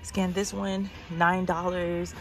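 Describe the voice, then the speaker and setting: A woman's voice: fairly low pitch, level tone, slow, soft background music. Woman vlogging on a handheld phone. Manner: chatty, walking while talking, addressing viewers directly. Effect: recorded on a handheld phone. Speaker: shopping vlogger. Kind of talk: casual walk-and-talk store tour. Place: large indoor retail store. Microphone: phone held in hand.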